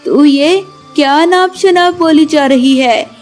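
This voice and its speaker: A woman's voice: high-pitched, takes it slowly, soft background music. A woman voicing a scheming, manipulative mother-in-law sparrow in a cartoon, with a scolding, dramatic way of talking.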